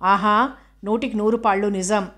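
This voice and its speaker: A woman reads out an eager, proud young woman speaking up for her fiancé in a spoken novel. The voice stays on a flat, even line with little rise and fall. The pitch sits at a middling height. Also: normal speed, natural voice.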